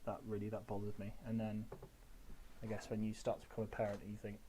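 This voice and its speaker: Hobby streamer, man in his late twenties, lowish voice, loose rambling chat, faint hiss in the background. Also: monotone, fast talker, dark tone. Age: 20s. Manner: rambling, self-correcting, chatty. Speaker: streamer painting models. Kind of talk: casual chat while painting.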